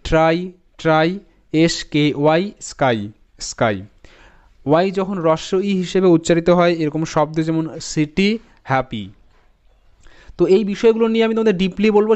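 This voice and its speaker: A man teaching English phonics, spelling each word letter by letter and repeating it slowly, and checking in with his students. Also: fairly high pitch, a little mellow, smooth. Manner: addresses students directly with "ঠিক আছে?". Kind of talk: phonics lesson.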